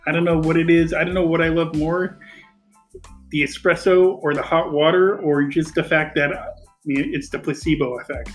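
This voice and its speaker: Male podcast co-host, casual and rambling, fairly high voice, soft music bed. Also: normal speed. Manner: rambling, excitable. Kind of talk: casual chat.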